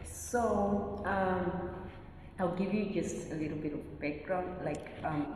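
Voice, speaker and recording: A woman's voice: on the low side, slow pace, darkish tone. A woman from Zimbabwe, a PhD candidate, answering podcast interview questions earnestly with easy laughs. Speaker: guest, PhD candidate in agricultural science. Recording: echoey room, mic at a distance, noisy.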